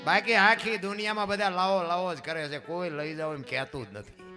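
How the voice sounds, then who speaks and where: A man giving a dayro storytelling sermon, moving between soft musing and loud impassioned declaiming, and putting questions to his audience. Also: high-pitched, moderate pace. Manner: asks the audience questions directly. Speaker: folk storyteller. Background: guitar music.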